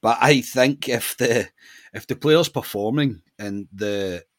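A Scottish man co-hosting a casual football podcast, talking in a thoughtful, measured way. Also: mid-range voice, no room sound, studio quality. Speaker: podcast co-host.

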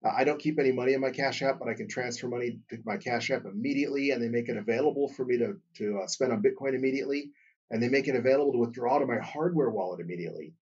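A man hosting his own podcast in a casual, chatty way, his voice jumping up and down in pitch and loudness, with many fillers. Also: rapid-fire, husky, recorded from a distance, lo-fi sound. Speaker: podcast host. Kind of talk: casual solo podcast talk.

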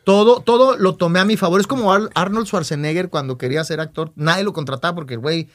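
A man's voice: sits high, fast talker. A middle-aged man with a Mexican accent, co-hosting a podcast and telling stories in casual chat, acting out the voices of the people he quotes. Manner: animated, acts out quoted voices. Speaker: podcast co-host.

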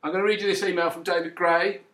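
A man's voice: high voice, fast. A man hosting a casual football podcast, reading out listener emails and breaking into terrace chants. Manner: animated, bursts into football chants. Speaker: podcast host.

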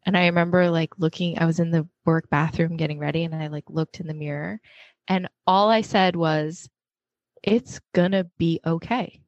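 A woman's voice: deep voice, fairly even intonation, brisk, no room sound, dull audio. A woman podcast host chatting casually and telling a story, with lots of fillers.

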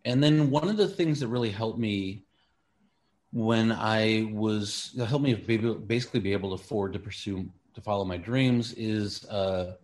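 Male interview guest, lowish voice, loose and wry conversational delivery. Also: moderate pace, darkish tone. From Queens, New York City. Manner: rambling, wry, peppered with like and you know. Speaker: stand-up comedian guest.

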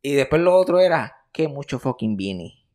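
Puerto Rican man, thirties, casual podcast co-host, animated and swearing, mid-pitched voice. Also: moderate pace. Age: 30s. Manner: animated, profane, mixes English words in. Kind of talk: casual chat.

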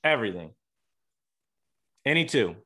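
A man's voice: medium pitch, sing-song, measured pace, bright, forceful tone. Laid back podcast host guy, chill, trips over his words a bit. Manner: easygoing, reassuring, stumbles over words. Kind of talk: casual interview, reads a sponsor ad.

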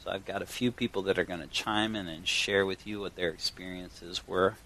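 A man speaking earnestly and enthusiastically to listeners in a personal monologue, with deliberate phrasing, recorded in a garage as a podcast host. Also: low-pitched, fairly even intonation, bright, forceful tone, slight background noise, low-quality recording. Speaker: podcast host and yoga teacher. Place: in a garage, recording at a home studio setup.

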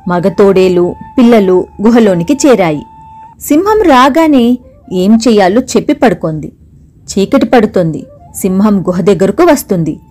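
A woman narrating an animal fable in an animated, dramatic storybook style. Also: medium pitch. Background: soft music.

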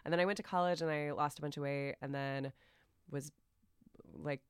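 A woman's voice: low-pitched, steady tone, moderate pace, clear, resonant tone, no echo, clean studio sound. An American woman in her thirties chatting as a podcast guest, rambling and self-deprecating with frequent laughter. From United States. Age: 30s. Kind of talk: casual podcast chat.

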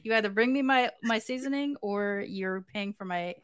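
A woman's voice: medium pitch, normal speed, fairly bright tone, clear, resonant tone. A woman hosting a podcast interview, chatting casually and laughing often. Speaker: podcast host.

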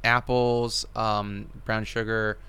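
A man's voice: lowish voice, flat delivery, takes it slowly, bright, forceful tone, clear, resonant tone. A man co-hosting a casual movie podcast, rambling with lots of fillers and asides. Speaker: podcast co-host.

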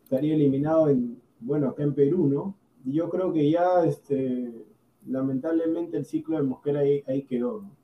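A man's voice: on the high side, normal speed. A man with a Peruvian Spanish accent, a football pundit on a podcast panel, arguing insistently and repeating his points. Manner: argumentative, repeats himself insistently. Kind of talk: heated podcast panel debate. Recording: distant, roomy, lo-fi mic with faint noise.

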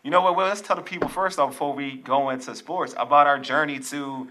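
A man's voice: on the high side, a little fast. A young man hosting a casual sports podcast, joking and teasing his co-hosts. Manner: laughing, joking, animated teasing. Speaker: podcast host.

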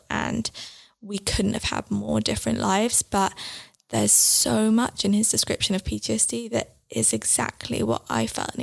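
A young adult woman with a mid-range, creaky voice appears as an interview guest, speaking earnestly and reflectively. She's a book editor, and her conversation is sprinkled with frequent "like" fillers.

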